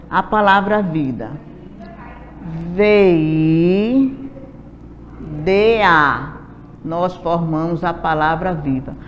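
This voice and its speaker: Slow, patient woman teacher. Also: medium pitch. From Brazil. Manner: patient, drawn-out, sounds out letters one by one. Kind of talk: slow classroom lesson, spelling out syllables. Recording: dull lo-fi audio, faint hiss, reverberant room.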